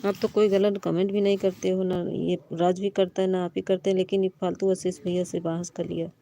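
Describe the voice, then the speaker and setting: A woman's voice: fairly low pitch, level tone, brisk, dark tone, slight background noise. A woman hosting a live stream, talking to her viewers in a pleading, reassuring way and scolding commenters who argue.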